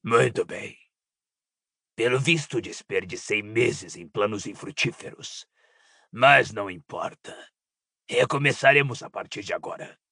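A man voicing a cold, cruel dark lord in an audiobook, speaking slowly with quiet, icy menace. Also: on the low side, no room sound, studio quality, pitched below the performer's own voice, heavily acted. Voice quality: cold, creaky and husky. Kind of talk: audiobook character voice.

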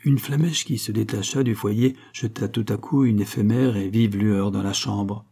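A man reading an audiobook with measured, dramatic storytelling. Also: fairly low pitch, steady tone, vocal fry, dark tone, husky. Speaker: audiobook narrator. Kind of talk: scripted audiobook narration.

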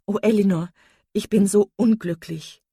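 A woman's voice: mid-range voice, moderate pace, dark tone, husky, no room sound, clean studio sound, pitched above the performer's own voice. A woman playing a distraught, sobbing young woman. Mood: desperate. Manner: desperate, pleading, sobbing outbursts.

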